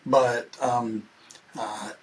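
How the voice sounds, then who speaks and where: A man's voice: mid-range voice, steady tone, drawn-out words, slight background noise, rough recording. A man hosting a faith interview, affirming his guest and reflecting thoughtfully on what he says. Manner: affirming, frequent "yeah" backchannels. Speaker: podcast host.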